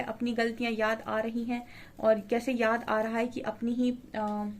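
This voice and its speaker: A woman's voice: a little high, darkish tone. Woman giving a tarot reading. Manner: conversational, explaining card meanings to viewers. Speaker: tarot reader.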